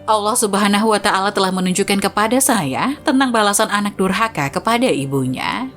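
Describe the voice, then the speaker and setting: A woman's voice: mid-range voice, fairly quick, fairly bright tone, faint music behind. A woman narrating a first-person moral story in an earnest, moralizing way.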